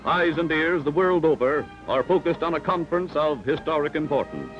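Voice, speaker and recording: A man's voice: on the high side, lively intonation, normal speed. A man narrating a 1940s newsreel in an old newsreel soundtrack, with a dramatic, emphatic announcer delivery. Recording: dull lo-fi film soundtrack with loud music. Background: loud music.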